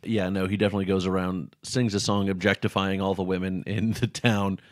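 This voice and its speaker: Young man podcast co-host, easygoing and agreeable, lowish voice, dry close recording. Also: flat delivery, fairly quick, dry recording. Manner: easygoing, agreeing, recaps the plot. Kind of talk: casual film-discussion podcast chat.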